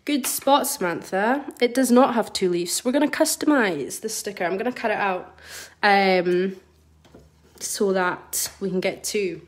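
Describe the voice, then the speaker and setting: A chatty nail artist from Scotland, speaking with a mild accent, does a live tutorial at her indoor studio desk and reads viewer comments while working. Her medium-pitched voice moves at a measured pace, and the phone camera over the work table picks up a little hiss or hum.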